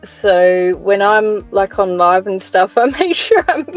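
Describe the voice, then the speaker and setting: Slow-talking Australian woman, laughing. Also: mid-range voice, animated, lo-fi sound, faint music behind. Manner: laughs often, easygoing. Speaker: livestream host. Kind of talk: casual chat.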